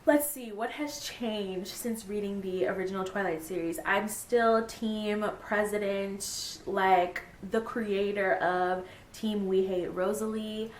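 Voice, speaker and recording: A young woman talking casually about a book she read, gushing and animated, full of "like" and fillers. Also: takes it slowly, few pauses. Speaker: book vlogger. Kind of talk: casual book review chat. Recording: echoey room, faint rumble.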